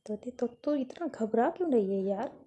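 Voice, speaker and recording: Husky-voiced woman narrating a romance story. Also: on the high side, lively intonation, normal speed, dark tone. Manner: retells dialogue with frequent "so she says", restarts. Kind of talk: casual spoken story narration.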